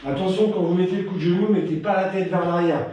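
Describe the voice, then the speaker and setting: In a very echoey room recorded from a distance, a man from France leads a live online Krav Maga session. He talks fast in a high, mellow, steady voice, counting combinations, making punchy strike sounds, and chatting between drills while sounding warm and a bit winded. The audio is dull.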